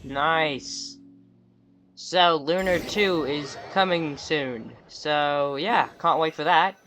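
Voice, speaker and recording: A man giving casual, laid-back commentary while playing a game, with excited bursts. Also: on the high side, drawn-out words, soft background music. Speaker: gaming streamer.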